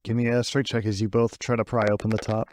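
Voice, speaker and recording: A man's voice: fairly low pitch, flat delivery, quick pace, heavy background noise. A man running a tabletop game as game master, narrating scenes in a descriptive way.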